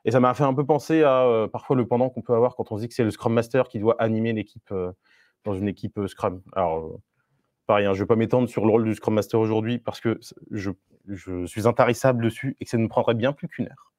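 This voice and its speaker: A man's voice: fairly low pitch, steady tone, fast, darkish tone, no echo, studio quality. A man talking to a live online meetup audience as a Scrum Master, in a conversational way with many fillers and restarts and a few playful asides.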